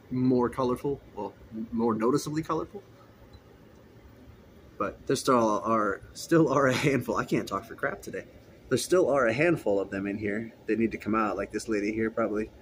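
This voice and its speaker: This is a relaxed, rambling tank walkthrough by a hobbyist filming his indoor fish room on a handheld phone. The man's voice is mid-range, and there's slight background noise.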